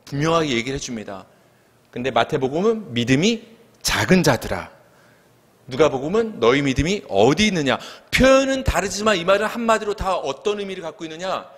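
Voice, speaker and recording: A man with a notably high voice preaches earnestly, asking rhetorical questions and pausing on "uh" as he reasons through his point. His words carry the long reverb of a church hall. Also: fairly bright tone. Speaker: pastor. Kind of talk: sermon. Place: church sanctuary.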